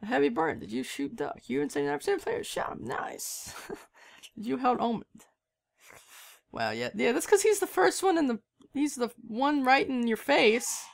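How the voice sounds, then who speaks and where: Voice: high voice, big pitch swings, normal speed, gravelly. A gamer giving casual, jokey let's-play commentary and reacting to the game.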